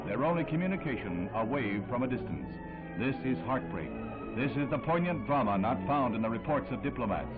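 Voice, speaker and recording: Man narrating an old newsreel. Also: medium pitch. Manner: solemn, emphatic delivery. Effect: old newsreel sound. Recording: tinny old newsreel audio with music.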